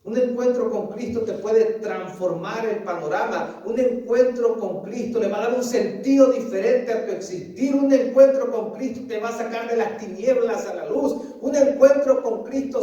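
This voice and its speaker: A high, mellow-voiced man preaching a sermon, earnestly asking his listeners question after question. He is recorded from a distance, and strong echo fills the space around his voice. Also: lo-fi sound. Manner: keeps asking "¿sabes?" and calls listeners "querido hermano". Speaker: pastor. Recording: echoey, distant mic.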